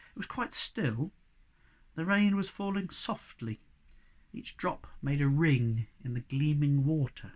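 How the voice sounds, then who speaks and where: Expressive man reading a children's story. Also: medium pitch. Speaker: teacher reading to pupils. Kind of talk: storybook read-aloud.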